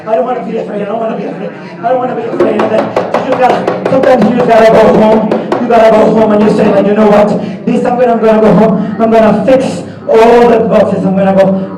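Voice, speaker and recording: A man performing a confessional, repetitive spoken-word monologue, swearing and raw, in a live dance piece. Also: very high voice. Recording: echoey hall, voice from far off.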